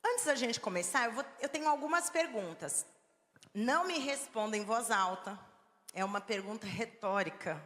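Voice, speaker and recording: A woman preaching a sermon in Brazilian Portuguese, animated, moving between soft, coaxing talk and firm, loud emphasis. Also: mid-range voice. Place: large church hall. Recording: long hall reverb.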